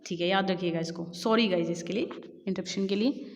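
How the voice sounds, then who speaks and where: A woman teaching English literature for exam prep, chatting with viewers and reading questions out slowly. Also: medium pitch, creaky. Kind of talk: exam-prep lesson in Hindi-English mix. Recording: dull lo-fi sound with long reverb.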